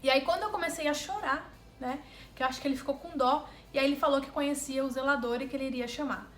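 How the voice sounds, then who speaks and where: A vlogger from Brazil tells viewers a travel mishap in a relaxed but animated way, repeating words often to emphasize them. Her voice sits high, she talks fast, and the audio is reverberant.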